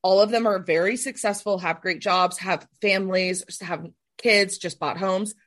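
A woman in her early thirties chatting away as a podcast co-host, bubbly and talkative. She jumps in over her partner, her tone casual and easy, with a voice of middling pitch for a woman. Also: fairly even intonation, normal speed, a bit bright. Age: 30s. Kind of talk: casual chat.

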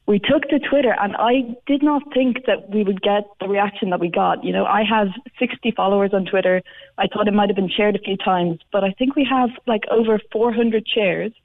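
A woman's voice: medium pitch, moderate pace. A young woman with an Irish accent telling a story casually as a radio phone-in guest. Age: young adult. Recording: tinny phone line.

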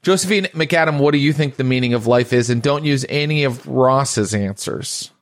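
A man's voice: mid-range voice, moderate pace. A man hosting a tabletop game podcast as game master, teasing the players with playful questions. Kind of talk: casual podcast banter.

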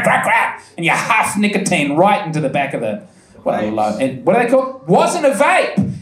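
A man doing a lively stand-up set, telling a story with animated, sometimes loud delivery. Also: on the high side. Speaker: stand-up comedian. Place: comedy venue with live audience. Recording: echoey live room with audience.

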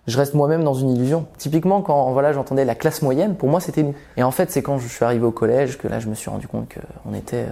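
A man's voice: medium pitch, fast, creaky, hardly any pauses, mellow. A man in his twenties telling his own life story in a podcast, hesitant, with many fillers and restarts. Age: 20s. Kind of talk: personal testimony podcast.

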